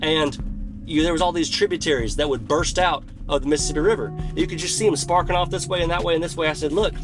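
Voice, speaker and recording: A man's voice: on the high side, fast talker, over music. A man telling a personal story to camera in a folksy, earnest way. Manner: earnest, folksy, animated when retelling. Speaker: country music vlogger.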